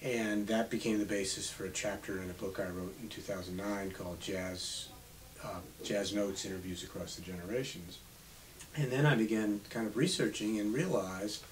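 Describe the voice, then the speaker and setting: A man in his seventies, an author being interviewed on radio, telling unhurried stories from his past. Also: deep voice. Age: 70s. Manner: reminiscing, unhurried storytelling. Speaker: author guest. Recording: slightly distant mic with faint hiss.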